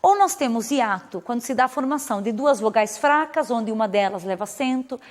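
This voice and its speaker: A woman's voice: fairly high pitch, lively intonation, brisk, in a large hall. A woman teacher who speaks natively, explaining grammar rules patiently in a recorded video lesson and checking in with her students. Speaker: Spanish teacher.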